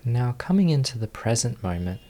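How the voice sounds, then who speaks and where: With a mid-range voice, a male meditation teacher leads a guided session. He talks softly and calmly at an unhurried pace, pausing at length between phrases.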